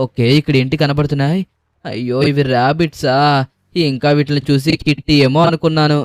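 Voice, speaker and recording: A young man hosting a gaming channel, narrating game play in character with excitable, dramatic shouts and groans. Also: on the high side, a little fast, no echo. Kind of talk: game voiceover commentary in character.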